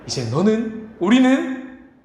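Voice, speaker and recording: Korean pastor preaching with dramatic swings. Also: male voice, huge pitch swings, takes it slowly, darkish tone. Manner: dramatic preaching, acts out quoted voices with big pitch swings. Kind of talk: sermon. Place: church sanctuary. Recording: echoey church room, faint ambience.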